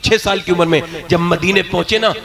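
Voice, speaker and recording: A man preaching a sermon, telling a religious story with impassioned delivery and frequent shouted outbursts. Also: high-pitched, fairly even intonation, a little fast. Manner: impassioned, often shouting and crying out. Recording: live recording with clear crowd noise.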